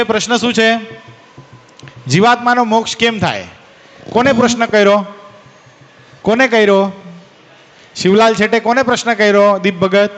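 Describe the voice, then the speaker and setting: Male preacher, higher voice, quizzes the crowd by name, long reverb. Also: fairly bright tone. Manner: questions and teases listeners by name. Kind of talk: devotional discourse to a gathering.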